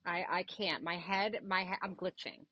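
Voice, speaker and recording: Podcast guest: blunt New woman, lower voice, dry close sound. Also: moderate pace, dry recording, highs cut off. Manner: blunt, animated, swears freely. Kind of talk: casual chat.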